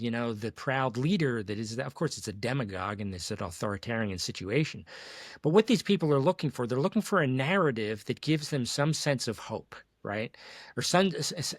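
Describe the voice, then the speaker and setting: A man's voice: medium pitch, dry recording. Emphatic male discussion host, dry sound. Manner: emphatic, searching, checks in with tag questions. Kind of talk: casual opinionated discussion.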